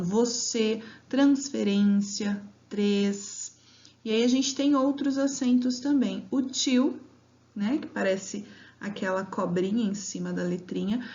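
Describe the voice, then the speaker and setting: A woman's voice: medium pitch, darkish tone. A woman teacher giving a grammar lesson to children, drawing out words syllable by syllable and checking in with "né?" and "tá?". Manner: patient, drawn-out syllables with frequent "né?" and "tá?". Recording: dull lo-fi home recording.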